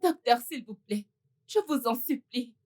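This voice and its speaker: A woman's voice: fairly high pitch, unhurried, darkish tone. An actress playing a poor widow who pleads and sobs for her dying son in a dubbed film. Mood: pleading. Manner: pleading, sobbing, praying.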